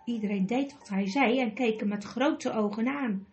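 A woman reading a storybook aloud in an expressive, measured way. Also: fairly high pitch, faint music behind. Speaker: audiobook reader.

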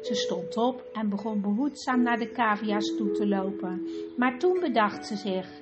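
A woman narrating a children's story in a calm, gentle storytelling manner, with music behind. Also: medium pitch, a little slow, lo-fi sound.

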